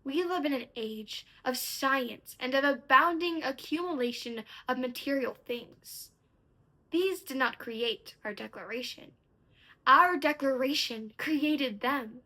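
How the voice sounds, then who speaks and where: A woman with a high-pitched voice gives a formal declamation. Her tone is bright and forceful. She speaks with precise, careful elocution, setting off key phrases with deliberate pauses. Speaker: speech contest competitor. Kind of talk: formal declamation of a historical speech.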